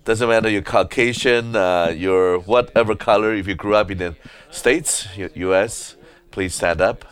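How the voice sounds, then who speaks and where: A man preaching at a conference in a meeting hall, halting often with filler sounds as he speaks. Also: fairly low pitch, clean tone. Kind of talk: sermon.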